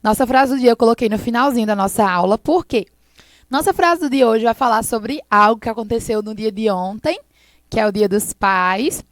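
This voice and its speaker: A Brazilian woman teaching English to schoolchildren in a recorded online class, explaining slowly and patiently and often ending with a quick check-in question. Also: on the high side, dry recording. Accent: Brazilian Portuguese. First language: Portuguese.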